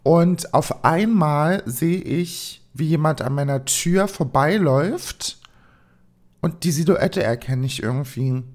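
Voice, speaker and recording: A woman's voice: low voice, takes it slowly. A young woman telling a dramatic personal story for her vlog, acting out each line. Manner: animated, acts out every line.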